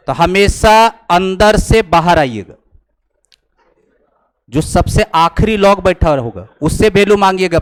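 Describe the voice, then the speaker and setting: Slow, high-voiced math teacher. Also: male voice. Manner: slow, teasing, mixing Hindi and English, chuckling asides. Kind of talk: classroom lecture. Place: coaching classroom.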